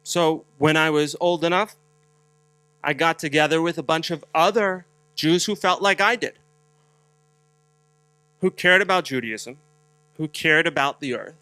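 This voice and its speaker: Guy from jersey telling a slow story, lots of ums, bright clear voice, dry sound. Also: a little high, dry recording, poor audio. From New Jersey. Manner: halting with many fillers, light humor, builds to rhetorical questions. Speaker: speaker leading a spiritual moment. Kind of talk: storytelling talk at a conference. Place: conference hall.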